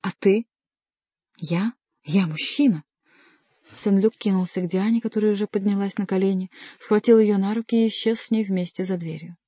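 A woman narrating an adventure novel as an audiobook reader, in an even, measured storytelling manner. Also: mid-range voice, no echo. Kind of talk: scripted narration.

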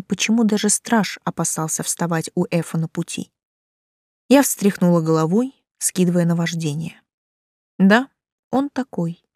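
A woman narrating a first-person fantasy audiobook in an expressive, lively reading. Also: on the low side, no echo, studio quality.

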